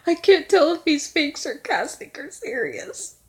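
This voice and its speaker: A woman hosting a casual reaction video, rambling, excitable and emotional. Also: sits high, measured pace.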